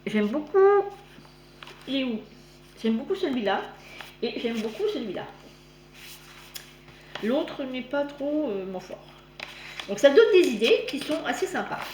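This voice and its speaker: A woman's voice: high voice, sing-song, measured pace, long pauses, darkish tone. A woman with a slight lisp on her s sounds, chatting casually as she hosts a magazine review vlog. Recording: roomy echo, clear background noise.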